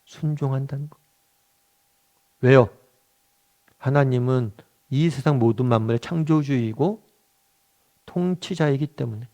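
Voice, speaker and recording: A man's voice: mid-range voice, dark tone. A middle-aged male pastor leading a weekly Bible study, talking conversationally, asking the group questions and acting out quotes. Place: church meeting room.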